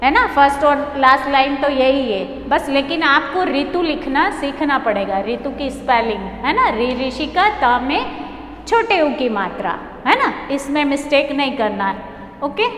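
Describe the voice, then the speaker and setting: A woman, a primary school teacher, teaching a children's poem slowly and patiently in a sing-song way, often checking with a little question. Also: sits high, lively intonation, a bit bright. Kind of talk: online class lesson, teaching a poem. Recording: echoey room with long reverb, faint hum.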